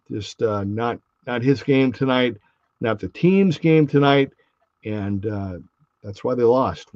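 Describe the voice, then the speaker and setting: A man's voice: mid-range voice, a little mellow, dry recording, dull audio. A man hosting a podcast, giving a casual post-game basketball recap with lots of fillers and restarts. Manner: conversational, many fillers and restarts. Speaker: podcast host.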